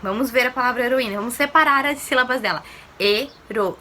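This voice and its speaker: A woman's voice: high voice, fast talker, bright, forceful tone, a little hiss or hum. A woman teacher giving a recorded lesson to primary pupils, explaining patiently step by step and asking them questions.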